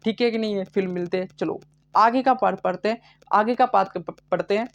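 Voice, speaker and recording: A man's voice: high voice, fairly quick, vocal fry, muffled recording. A male biology teacher giving a live online lecture, asking questions and answering them himself, repeating each key term. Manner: chatty, addresses students as bhai.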